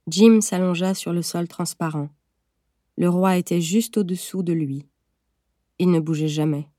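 A woman reading a story aloud in a measured, gentle storytelling manner. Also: on the low side, no echo, studio quality. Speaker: narrator. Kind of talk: scripted audiobook narration.

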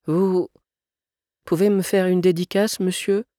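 A man doing a prim, high-voiced young boy. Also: steady tone, unhurried, warm tone, dry recording, studio quality. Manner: high, clipped, matter-of-fact. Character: boy of about ten, stiff and prim.

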